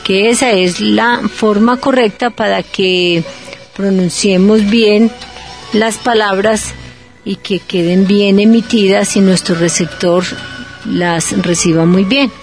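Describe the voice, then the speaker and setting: A woman's voice: mid-range voice, fairly even intonation, soft background music. A woman hosting a radio segment, teaching words in a didactic, formal way. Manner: didactic, repeats words slowly, formal address. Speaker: radio host. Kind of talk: instructive radio talk on correct pronunciation.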